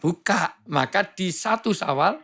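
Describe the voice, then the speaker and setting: A male preacher chatting on a talk show with a gravelly, husky voice pitched a bit high. He jokes and plays with sounds as he makes his points. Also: animated, unhurried, a bit bright. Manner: joking, playful, imitates sounds. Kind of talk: humorous preaching in conversation.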